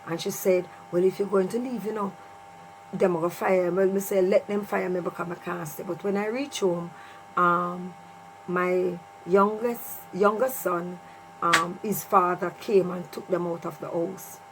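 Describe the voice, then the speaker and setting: This vlogger, a middle-aged Jamaican woman, tells viewers a personal story in a relaxed way, repeating phrases to drive points home. Her voice sits on the low side, steady in tone and measured in pace, with clear mains hum and noise underneath.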